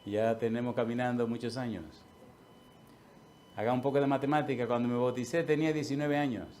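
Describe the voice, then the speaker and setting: A man, a pastor preaching a sermon and telling a personal story, swinging from loud declarations to hushed asides. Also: mid-range voice, fairly even intonation, brisk, slight background noise. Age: 60s.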